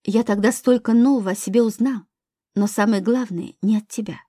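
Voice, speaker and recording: A woman's voice: mid-range voice, fairly even intonation, a little fast, dark tone, dry recording, clean studio sound, close to an everyday voice. A woman reading an audiobook, voicing a brash young man who mocks and growls at his stepsister. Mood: mocking. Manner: mocking, growling. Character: brash mocking young male stepbrother.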